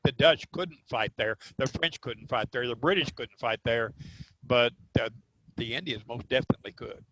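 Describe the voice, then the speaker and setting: A man at a middle pitch explains his points emphatically in a casual panel discussion. A faint noise runs behind his voice. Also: normal speed, a bit bright, low-quality recording.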